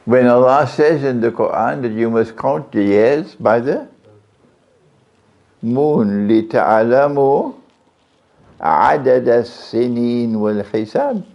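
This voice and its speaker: Man preaching, gravelly voice, lively pitch, asks the audience questions. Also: a little fast. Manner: questions the audience, varies his pitch widely. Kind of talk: sermon to an audience. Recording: lo-fi, dull sound.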